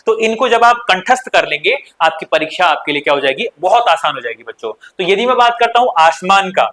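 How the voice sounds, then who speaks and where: Young male tutor, high and bright, runs exam-prep questions aloud and answers them himself. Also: expressive, brisk. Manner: addresses students as children, asks and answers his own questions. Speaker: teacher. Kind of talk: exam-prep Hindi lesson.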